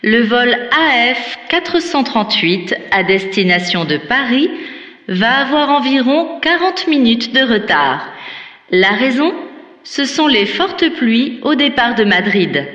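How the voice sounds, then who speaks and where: A woman playing an airport announcer, making a formal, measured announcement over a public-address loudspeaker. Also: fairly high pitch, very animated, exaggerated voice. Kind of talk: scripted exam listening recording. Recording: echoey, hall reverb, dull lo-fi.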